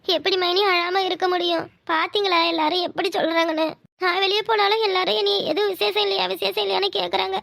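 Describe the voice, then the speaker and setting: A meek young cartoon wife, plaintive, high and bright. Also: female voice, little pitch movement, fast talker, gravelly, no echo, clean studio sound, heavily acted. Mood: tearful. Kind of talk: cartoon voice acting.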